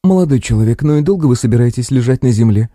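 A man's voice: medium pitch, animated, quick pace, dark tone, no room sound, studio quality, pitched above the performer's own voice, natural voice. A man voicing an elderly, bossy female paramedic who speaks curtly in a lecturing, teacherly tone. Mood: stern.

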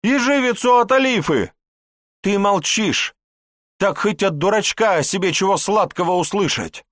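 A man's voice: very animated, measured pace, fairly bright tone, no room sound, clean studio sound. A man reading an audiobook, voicing a jealous young grand princess who pleads and scolds. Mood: furious. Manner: pleading, then fiery and shrill.

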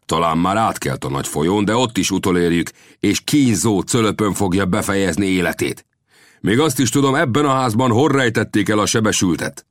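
An arrogant warrior leader who speaks curtly and with scorn, set higher than the reader's own voice, as a man puts him on. The delivery is loud and dry, recorded close. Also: lively intonation, no room sound, natural voice. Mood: haughty. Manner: haughty, curt.

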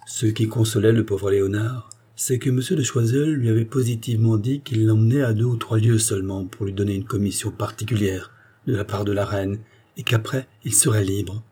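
A man reading a novel aloud as audiobook narration, measured and even. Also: lowish voice, breathy edge. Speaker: audiobook reader.

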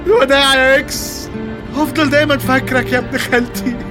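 A man's voice: steady tone, quick pace, music in the background. An actor with an Egyptian Arabic accent playing a panicky, dim, whiny man in a comic radio play. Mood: panicked. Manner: frantic, shrill, complaining. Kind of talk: comic radio drama acting.

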